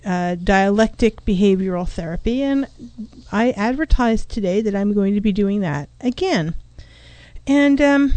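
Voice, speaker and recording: A woman hosting an informal talk radio show, speaking in a halting, rambling, apologetic way. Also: medium pitch, mellow, no echo. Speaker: radio host.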